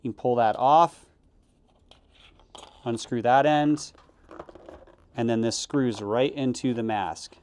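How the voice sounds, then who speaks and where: A man giving a casual, halting unboxing review, correcting himself as he goes. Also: mid-range voice, darkish tone. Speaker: product reviewer. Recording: noisy, with crinkling packaging and clicks.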